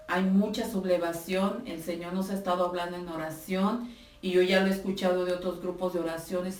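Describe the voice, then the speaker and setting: Female preacher, exhorting, retells dialogue, distant mic in a reverberant room. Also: medium pitch. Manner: tells her story with quoted dialogue, exhorting, tag questions. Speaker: speaker at a women's prayer camp. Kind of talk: testimony and preaching. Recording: roomy hall, distant mic, faint music.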